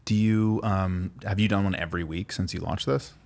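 Very deep-voiced man hosting a chat. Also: steady tone, moderate pace, creaky, a little mellow. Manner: easygoing, reactive, laughs along, self-conscious about fillers. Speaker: podcast host. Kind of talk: casual interview chat.

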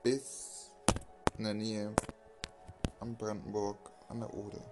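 A man narrating an improvised amateur audio story in a slow, halting way with restarts. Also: lowish voice, little pitch movement, over loud music.

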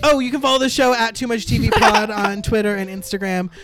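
A woman's voice: on the high side, fast, soft background music. A woman co-hosting a podcast, chatting casually with strong opinions and frequent laughs. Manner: opinionated, dramatic, laughs often. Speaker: podcast co-host. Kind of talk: casual chat.

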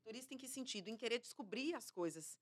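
A woman journalist from Minas Gerais with a mineiro accent, chatting lively as a talk-show guest and mixing in slang. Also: fairly high pitch, quick pace. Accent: mineiro Brazilian Portuguese. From Minas Gerais, Brazil. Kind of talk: casual talk-show interview.

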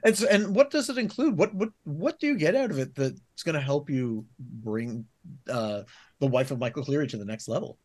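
Halting, friendly interviewer. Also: mid-range voice, lively intonation, a little mellow. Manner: halting questions with repeated words. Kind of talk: casual interview conversation.

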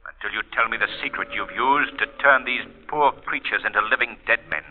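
An actor playing a menacing, mocking invisible crime fighter in old radio drama style, theatrical and commanding. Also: male voice, mid-range voice, lightly acted. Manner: slow deliberate menace, taunting, theatrical. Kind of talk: 1940s radio drama acting. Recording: muffled, narrow-band old radio recording.

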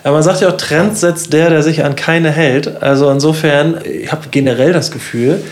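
A man's voice: fairly high pitch, fairly even intonation, normal speed. A man hosting a casual talk show, chatty and playful, quizzing his guests with many fillers. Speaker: podcast host. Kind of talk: casual interview chat.

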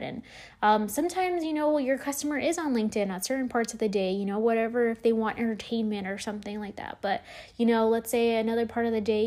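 A woman's voice: mid-range voice, dark tone. A young woman hosting a casual solo podcast, chatty and full of fillers and restarts, saying she is losing her voice. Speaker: podcast host.

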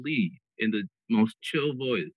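A man's voice: fairly low pitch, expressive, slow pace, husky, no room sound, low-quality recording. A young man in a casual podcast chat who rambles and restarts, often mimicking his mother. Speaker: podcast co-host.

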